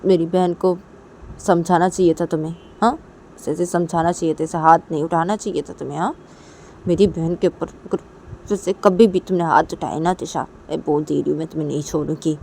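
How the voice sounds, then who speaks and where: A patient elder sister who coaxes her weeping sibling with the same soft phrases over and over, as a woman puts her on. The voice sits low and mellow in a storybook telling, with a faint hum of traffic behind. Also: steady tone, a little fast, gravelly. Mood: stern. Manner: soothing, coaxing, repeats herself. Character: gentle elder sister consoling younger sister.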